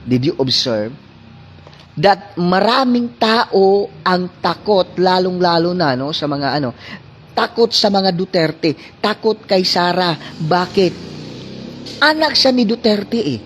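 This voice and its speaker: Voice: mid-range voice, takes it slowly, slight background noise. A preacher with a Filipino accent giving a sermon, moving between English and local languages and repeating phrases for emphasis. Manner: mixes English with Tagalog and Cebuano.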